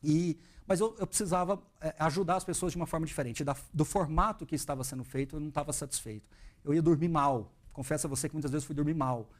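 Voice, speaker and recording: A man in his thirties from Brazil talks as an interview guest, quick and earnest. His voice sits a little high and the words tumble out fast. He quotes his own past thoughts aloud as he tells the story. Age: 30s. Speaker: guest, investment educator.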